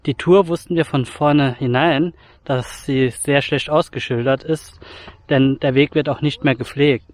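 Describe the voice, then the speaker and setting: A man's voice: mid-range voice, fairly even intonation, unhurried. A man in his forties, a hiking vlogger, talking plainly to a camera held at arm's length outdoors on open farmland. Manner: friendly, plain and matter-of-fact. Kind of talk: casual vlog to camera. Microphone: action camera held at arm's length.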